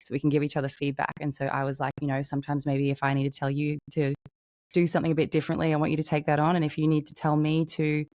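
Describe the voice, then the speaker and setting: A woman's voice: deep voice, monotone, dark tone, no echo. A woman, co-hosting a casual chat and speaking frankly with casual swearing. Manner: frank, swears casually, talks through stories in quick bursts. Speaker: podcast co-host.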